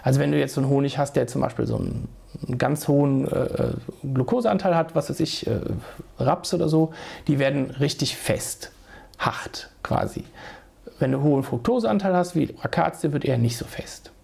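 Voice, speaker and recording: Sick with a cold and hoarse because of it, a man in his forties explains beekeeping casually to viewers through a desk webcam in his small home room. His mid-range voice moves at normal speed, creaky and a little mellow with a breathy edge. This how-to video has him chatting, restarting sentences and addressing the audience directly.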